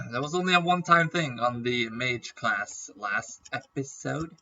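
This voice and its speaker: A gaming YouTuber rambles chattily through casual commentary, often stopping to clear his throat against a nagging cough. His medium-pitched voice is very bright and sharp, his pace unhurried, and the sound is dull and slightly distant, as though he's sitting back from the mic.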